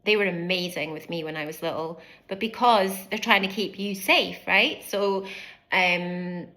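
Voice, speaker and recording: A British woman in her fifties speaks to camera about her own life, a former family doctor with a bright, ringing voice. She talks candidly and restlessly, moving as she speaks and slipping into little acted-out quotes of what others said to her. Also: fairly low pitch, unhurried. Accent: British English. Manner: candid, animated, acts out quoted speech; fidgets and moves while speaking. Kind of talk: personal vlog storytelling to camera.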